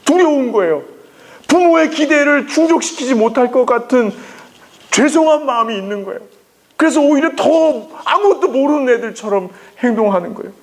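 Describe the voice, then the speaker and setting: Male pastor, high and very animated delivery, emphatic parent seminar in a lecture hall. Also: a little fast. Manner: emphatic, acts out quoted voices, often says "막". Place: lecture hall with live audience.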